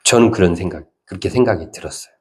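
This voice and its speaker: A male pastor giving a conversational sermon, telling stories and now and then acting out voices in sudden high bursts. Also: rapid-fire, darkish tone.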